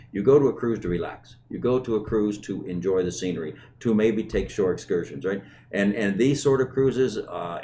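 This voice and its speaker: A middle-aged man with a lowish voice presents a show off the cuff. He talks conversationally and repeats words to drive points home. Slight noise sits in the recording. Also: darkish tone. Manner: repeats words and phrases for emphasis. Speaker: host of a company community show.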